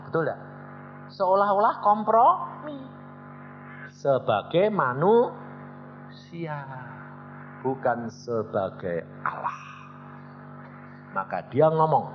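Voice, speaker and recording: An older male pastor preaches in a fairly high, wildly swinging voice, leaping up for emphasis and sinking to hushed asides. The recording is dull and lo-fi, with faint music underneath. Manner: animated, acts out dialogue, sudden high exclamations and drops to quiet. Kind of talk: sermon.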